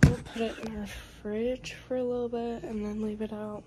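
A college student in her twenties with a cold chats to her phone camera, held close, in a small room at home. Her soft whisper is fairly high, flat in delivery, and at a normal speed, with a scratchy throat and congested nose.

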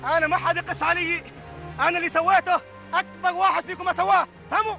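A brash young man talks fast and insolently. His voice sits very high. Music plays beneath the dialogue. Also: flat delivery, creaky, bright, forceful tone, exaggerated voice. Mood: defiant. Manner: boastful, insolent. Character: defiant young man Hamoud, arrogant toward his family. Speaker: actor. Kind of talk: TV drama acting. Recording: drama audio with music underneath.

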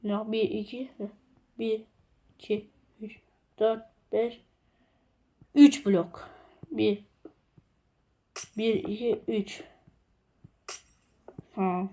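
A young woman casually chatting to viewers as she builds in a game, often counting blocks quietly under her breath. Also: medium pitch, fairly even intonation, drawn-out words, pauses often. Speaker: gaming video creator.

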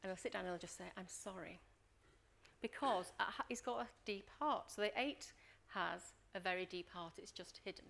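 This middle-aged workshop trainer and leadership coach speaks briskly in a gravelly, mid-range voice, hardly pausing at all. Her talk is built on acted-out anecdotes, told in a lively way, with frequent "Okay?" check-ins with the room.

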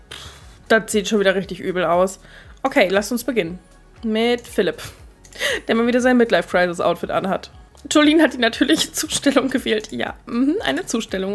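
A woman hosting a let's play, chatting casually and excitably as she talks to her game characters and her viewers. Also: medium pitch. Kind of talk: casual gameplay commentary.

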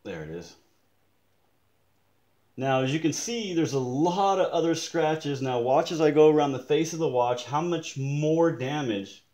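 A man showing close-up magnified damage on a watch he bought, talking slowly and deliberately, now and then muttering in frustration at his gear. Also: fairly high pitch, animated, a little mellow, roomy sound. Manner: slow, deliberate, pointing things out, occasional frustrated mutters. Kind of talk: casual show-and-tell demonstration. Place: indoors at a desk in a room.

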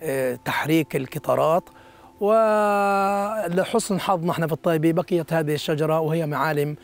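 A man's voice: fairly high pitch, brisk. A middle-aged man, explaining local history and geography in an outdoor interview on an open hillside. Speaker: local guide.

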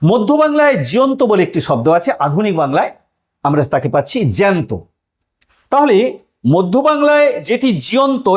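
A man with a notably high voice explains a language lesson step by step. He repeats each example, asks rhetorical questions and answers them himself, in the careful way of a classroom teacher. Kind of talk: explanatory lecture.

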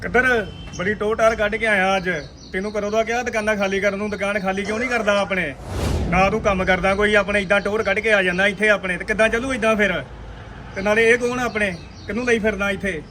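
A bossy shop owner, played by a man, blunt and scolding, talking fast at a high pitch. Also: fairly even intonation, sharp tone, a little hiss or hum.

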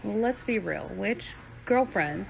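A woman's voice: medium pitch, expressive, slow, gravelly, poor audio. A woman teasing and accusing her partner in a playful couple argument. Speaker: girlfriend. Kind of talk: casual couple argument skit.

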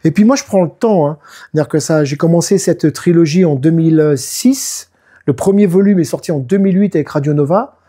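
A fifty-something man, a musician and producer guesting in a casual interview, spins lively stories and often imitates what people told him. He speaks a little fast, in a voice on the high side with a breathy edge.

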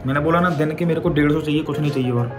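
A young man with a voice on the high side talks rapid-fire over music. Filming himself on a phone at arm's length, he rambles casually to viewers in his daily vlog.

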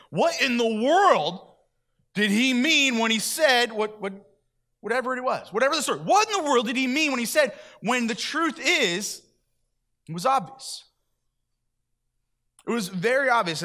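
A man's voice: fairly high pitch, fairly bright tone. A man preaching a sermon at church in a chatty, conversational way, often repeating himself. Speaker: pastor.

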